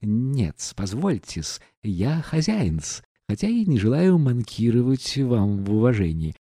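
A man's voice: mid-range voice, very animated, a bit bright, husky, no room sound, clean studio sound, heavily acted. A man doing a tipsy, insolent landlord. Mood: drunken indignation. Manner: fawning yet indignant, drawn-out.

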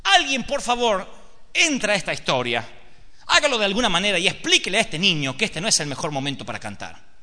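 Theatrical preacher man with a bright voice. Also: high-pitched, huge pitch swings, fairly quick. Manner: theatrical, emphatic, addresses the audience directly. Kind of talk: dramatic sermon storytelling. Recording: echoey hall.

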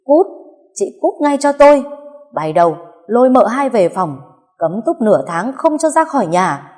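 A wailing old grandmother, choked with tears and screaming up into a high, strained pitch, done by a female storyteller. She sounds grief-stricken and furious at once, the voice cracking loud at its peaks. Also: big pitch swings, moderate pace, in a large hall. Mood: anguished, furious. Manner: shrill shouting. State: sobbing.

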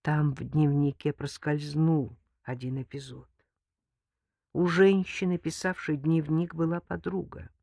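A woman narrating an audiobook in an even, measured reading. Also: low voice, gravelly, no room sound, clean studio sound. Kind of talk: scripted narration.

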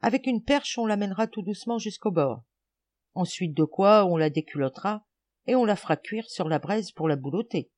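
A woman's voice: medium pitch, expressive, normal speed, darkish tone, no echo, close to an everyday voice. A woman reading an audiobook, voicing a rowdy bossy village boy who blusters and scolds in slang. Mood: eager.

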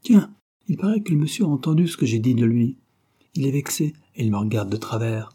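A man voicing a big, brash young man who talks bluntly and provokes others with mocking calm. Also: mid-range voice, a little fast, slightly rough. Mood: defiant.

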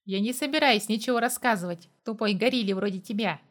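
A woman's voice: medium pitch, lively intonation, moderate pace, close to an everyday voice. Woman voicing a scornful, defiant young runaway. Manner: snapping, contemptuous.

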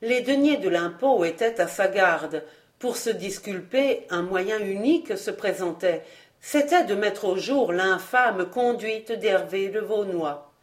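A woman with a mid-range voice narrates a classic novel as an audiobook reader, telling the story in a measured, even manner.

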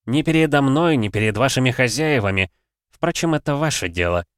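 A man voicing a soft-spoken, sardonic older male cardinal in an audiobook. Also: mid-range voice, lively intonation, fairly quick, clean tone, dry recording, clean studio sound, voice pushed up, natural voice.

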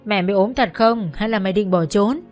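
A woman voicing a gruff, bullying bar manager. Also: mid-range voice, a little fast, soft background music, close to an everyday voice. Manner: gruff, threatening. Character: harsh male karaoke bar manager, bullying.

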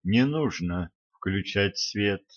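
A man reading a betrayed woman who speaks quietly and indifferently, in a storybook narration. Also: on the low side, lively intonation, slow, no room sound, muffled recording. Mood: cold. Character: cold, betrayed woman, flat and detached.

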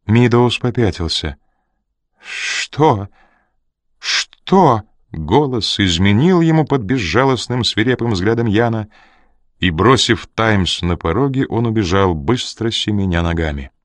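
Deep-voiced male audiobook narrator. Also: expressive, normal speed, no echo, clean studio sound. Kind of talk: scripted narration.

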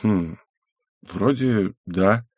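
A man's voice: lowish voice, drawn-out words, a little mellow, no room sound, studio quality. A man voicing an impulsive young man in an audiobook, talking in eager bursts with some hesitation.

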